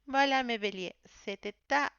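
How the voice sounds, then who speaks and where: A woman giving a monthly tarot reading, hesitant and pausing often to search for her words. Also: on the high side, a bit bright, lo-fi sound, slight background noise. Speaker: tarot reader.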